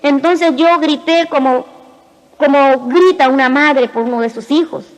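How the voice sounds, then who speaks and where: High-pitched woman giving an emotional church testimony in short, halting phrases, heard in a reverberant hall. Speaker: testimony speaker. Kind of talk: spoken religious testimony.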